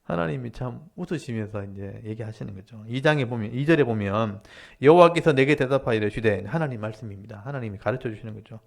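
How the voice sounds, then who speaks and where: A middle-aged pastor delivers a Bible lecture in a gravelly, fry-edged voice at an ordinary middle pitch. He reads scripture slowly, then breaks into lively explanation. He acts out the prophet's complaints with sudden jumps in pitch and loudness.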